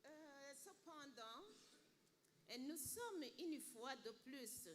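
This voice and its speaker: A woman with a high voice delivers a formal address at a ceremony. She speaks in a measured way, pausing on small fillers. A faint noise sits behind her. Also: lively intonation.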